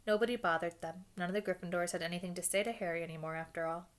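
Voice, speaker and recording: Woman reading a kids' fantasy book out loud, steady and expressive. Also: on the low side, rapid-fire. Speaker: audiobook reader. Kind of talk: storybook reading aloud.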